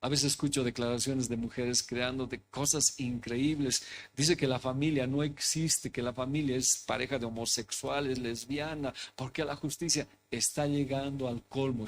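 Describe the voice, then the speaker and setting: A man's voice: medium pitch, a little hiss or hum. A man preaching a sermon in church who keeps asking his congregation questions and repeating his phrases. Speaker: pastor. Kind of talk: interactive sermon. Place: church hall.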